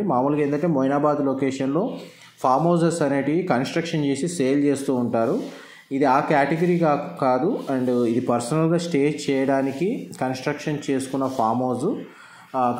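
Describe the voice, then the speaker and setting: A man giving a steady walkthrough of a house for sale, mixing in English terms. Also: medium pitch, roomy sound. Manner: steady explanatory, fillers, Telugu-English mixing. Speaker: property tour host. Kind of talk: walkthrough narration.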